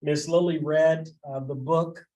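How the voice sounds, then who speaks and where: Guy reading his report at a school board meeting, kinda high but mellow voice, lots of uhs. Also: steady tone, poor audio. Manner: halting, with frequent filler sounds. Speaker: school administrator giving a report.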